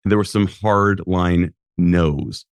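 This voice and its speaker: A man hosting a podcast, reflecting in a measured way and asking his guest questions. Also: low voice, clear, resonant tone, no echo, studio quality. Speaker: podcast host, psychologist. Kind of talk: casual interview chat.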